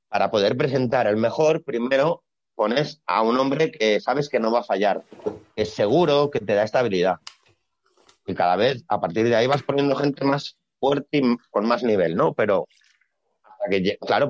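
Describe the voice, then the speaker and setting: A man, a retired gymnast explaining his career in a relaxed, blunt, colloquial way during a casual interview. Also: medium pitch, no room sound. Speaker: retired Olympic gymnast, guest. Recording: dry, slightly dull sound.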